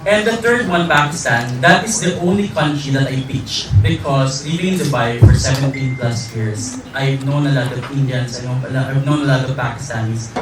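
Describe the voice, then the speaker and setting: A man from the Philippines, a pageant franchise holder, speaks earnestly at a press conference, leaning on "actually" and "you know." His mid-range voice keeps a moderate pace with few pauses. The hall is echoey, the mic distant, and crowd noise is audible.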